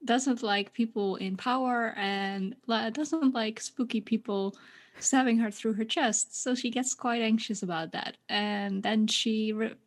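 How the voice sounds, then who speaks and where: A woman playing in a tabletop game, chatting casually in a lively, giggly way. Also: on the high side, measured pace. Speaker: player. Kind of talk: casual chat.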